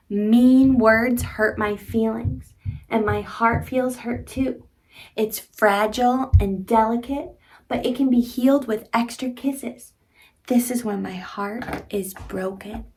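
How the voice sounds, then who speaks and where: Reading a picture book aloud to young children, a woman in her thirties uses simple teacherly phrases, speaks expressively and talks directly to the child. Her voice is a little high and a little mellow.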